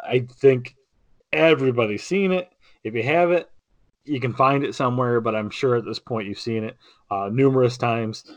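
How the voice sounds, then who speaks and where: A man's voice: mid-range voice, no room sound, lo-fi sound. Rambling casual podcast man, dry sound. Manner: rambling, lots of restarts and fillers. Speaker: podcast co-host. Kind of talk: casual chat.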